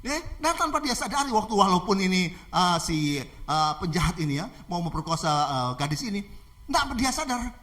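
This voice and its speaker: High-voiced guy preaching, animated storytelling, lots of "ya". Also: normal speed. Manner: animated, repetitive with filler "ya". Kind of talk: sermon storytelling.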